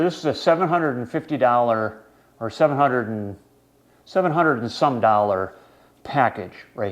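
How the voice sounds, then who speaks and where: A man with a medium-pitched voice talks as a vlog host. He explains gear casually and conversationally, halting now and then and stretching words.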